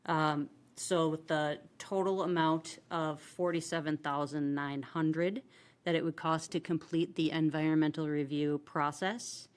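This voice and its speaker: A woman, an assistant city administrator, presenting agenda items at a city council meeting in a halting way, with many filler ums and restarts. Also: deep voice, steady tone.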